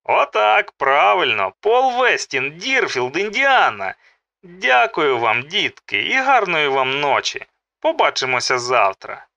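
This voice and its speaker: A man's voice: fairly high pitch, sing-song, measured pace, vocal fry, pushed and bright, no room sound, muffled recording, voice pushed up, heavily acted. A man voicing a smiling, sinister male doctor in an audiobook, falsely cheerful and soothing.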